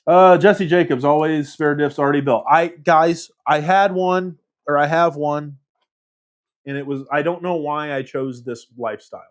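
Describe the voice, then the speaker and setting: A man's voice: a little high, steady tone, moderate pace. A man casually hosting a livestream, reading viewer comments aloud and rambling with self-deprecating laughs. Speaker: livestream host.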